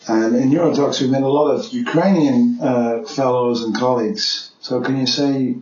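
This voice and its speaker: A man's voice: medium pitch, steady tone, moderate pace, darkish tone, faint music behind. A man hosting a casual chat from home, talking hesitantly with many restarts. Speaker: podcast host. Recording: echoey room, dull sound, faint noise.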